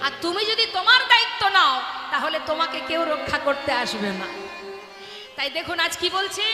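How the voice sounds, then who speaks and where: High-voiced woman preaching in an echoey hall. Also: animated, moderate pace. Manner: exhorting the audience, breaking into chant. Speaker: kirtan singer and preacher. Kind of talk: devotional sermon with call-and-response chanting. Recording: echoey hall with loud music.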